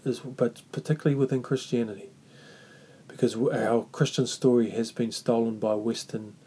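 A man with a New Zealand Māori accent hosting a reflective faith talk, speaking earnestly and haltingly with repeated phrases. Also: mid-range voice, steady tone, warm tone, husky. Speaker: podcast host.

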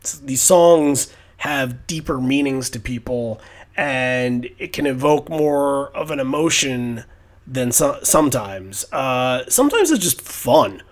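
A man's voice: mid-range voice, lively intonation, slow pace. Guy hosting a music podcast, rambly and thoughtful, casual chat, middle voice. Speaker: podcast host.

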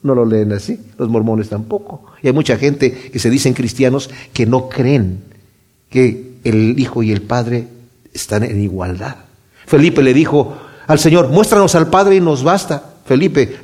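A man's voice: medium pitch, moderate pace, dark tone, slightly rough. A man preaching a sermon, explaining a Bible passage with rhetorical questions and shifting emphasis.

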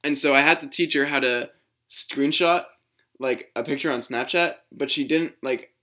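Young man, podcast co-host, bright sharp voice, rambling casual chat. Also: mid-range voice, moderate pace. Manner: rambling, lots of fillers and restarts.

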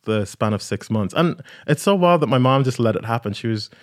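A man's voice: medium pitch, animated, fairly quick. A man in his thirties, an interview guest telling personal stories informally, often acting out quoted speech. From Ireland, raised in Kerry and Mullingar from age ten. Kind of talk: casual personal storytelling.

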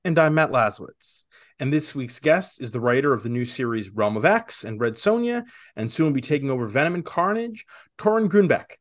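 A man's voice: mid-range voice, lively intonation, fairly quick. A man co-hosting a comics podcast, introducing the guest. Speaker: podcast co-host.

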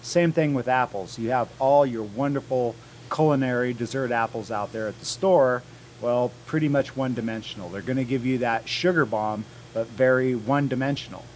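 A man's voice: mid-range voice, moderate pace, darkish tone. A man speaks as a guest cider maker on a live radio show in a pub, with faint noise behind him. He explains things in a plain, matter-of-fact way and uses everyday comparisons. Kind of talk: casual interview explanation.

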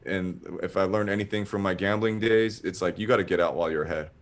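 A man with a low voice talks fast, rambling casually through a long story. He swears and enthusiastically acts out what people said.

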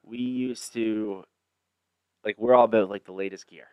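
A man with a Canadian accent and a low, smooth voice, recorded dry and close. He talks like a bro among buddies, casual and slangy, piling on hyperbole as he tells his stories. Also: fairly even intonation, moderate pace, mellow, dry recording, highs cut off. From Ontario, Canada. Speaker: podcast co-host. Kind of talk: casual hunting chat.

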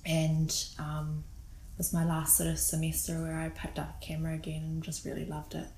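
A woman's voice: sits low, brisk, roomy sound, rough recording. Nz woman chatting about her work, lots of ums, slight hum behind. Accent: New Zealand. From New Zealand. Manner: relaxed, hesitant with many ums and restarts. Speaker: guest photographer. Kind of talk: casual interview.

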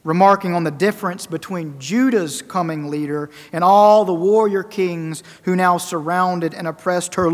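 A man preaching a sermon, emphatic and rhetorical, repeating phrases for effect and swinging between loud and soft. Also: sits high. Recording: long reverberant hall.

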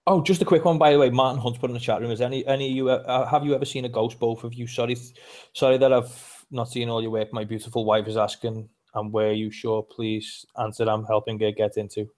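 This Liverpool-accented podcast co-host from England talks fast in a steady, mid-range voice with a darkish tone. He chats casually and spins stories, letting the occasional swear word slip.

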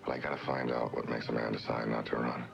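A man acting a cold, threatening hard-boiled hitman in a 1960s crime film, with a gravelly voice. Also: rumbling low, little pitch movement, fast talker, heavily acted. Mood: cold menace. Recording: muffled film trailer audio under loud music.

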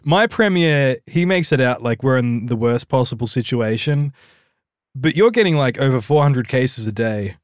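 A man chats as a podcast co-host in a natural, unscripted way. He rambles and jokes in a medium-pitched voice. The sound is dry, with very little room. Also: animated, moderate pace, dry recording. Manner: joking, rambling. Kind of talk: natural unscripted casual banter.

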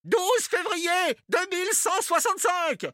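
Very high squeaky voice, small odd male time traveller, slow broken phrases, storybook. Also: bright, forceful tone, no echo, studio quality, heavily acted. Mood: alarmed. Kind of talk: storybook reading.

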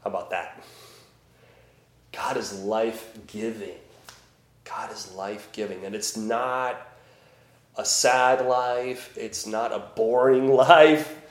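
A priest at Mass, reading the Gospel and preaching in a slow, deliberate way with emphatic swells, his voice ringing with church echo. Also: fairly low pitch. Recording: echoey church room.

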